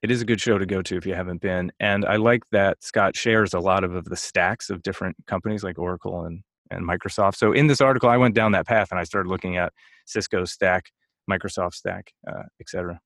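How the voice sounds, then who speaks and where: A man in his late thirties with a low voice, talking in a loose, rambling way and cracking jokes as he goes. His voice sits close and dry on the mic. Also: fairly quick, a bit bright, no echo. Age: 30s. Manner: rambling and jokey, thinking aloud. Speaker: podcast co-host. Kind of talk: casual chat.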